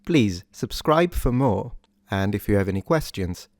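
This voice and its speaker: A man hosting a short scripted pronunciation lesson, speaking in a measured way and repeating words slowly for practice. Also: on the low side, lively intonation, no room sound, clean studio sound. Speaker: pronunciation teacher.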